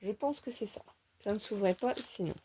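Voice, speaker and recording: A woman's voice: medium pitch, normal speed, warm tone, slight background noise. A woman chatting through a scrapbooking haul, cheerful and enthusiastic as she shows each page. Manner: chatty, enthusiastic, fond of little words like "petite" and "hein". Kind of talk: casual show-and-tell haul.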